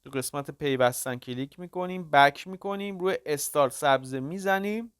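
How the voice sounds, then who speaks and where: Tutorial host, casual and halting, mid-pitched, dry close sound, calls viewers kids and friends. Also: smooth, dry recording. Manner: talks step by step, halting with frequent "uh" fillers. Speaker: crypto tutorial channel host. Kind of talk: casual screen-recorded walkthrough.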